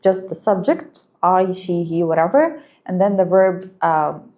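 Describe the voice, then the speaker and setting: A woman whose first language is Arabic teaching an English lesson, speaking slowly and clearly and praising her students. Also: on the low side, expressive, a little mellow. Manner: patient, encouraging, slow and clear, explains in Arabic too.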